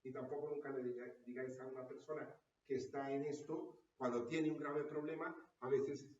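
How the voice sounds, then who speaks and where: A man's voice: mid-range voice, flat delivery, brisk, a little mellow. A man, a parish priest, giving a teaching talk to parishioners and checking in with his listeners through a frequent questioning tag. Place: parish hall or church room. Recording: roomy, distant, dull sound.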